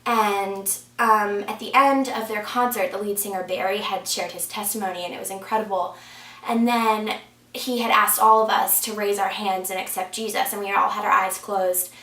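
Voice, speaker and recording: A young woman from the church shares her personal faith testimony in an earnest, conversational manner, peppered with "like" and "um." Her mid-range voice is fairly bright, with fairly even intonation and a normal pace. The sound is roomy and picked up from a distance.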